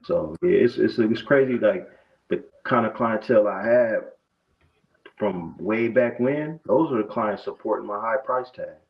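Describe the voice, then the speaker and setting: Heard in dull, muffled lo-fi audio, a man who works as a barber talks through his story as a guest in casual interview talk, restarting often in a loose, conversational way. His creaky voice is on the low side and a little slow.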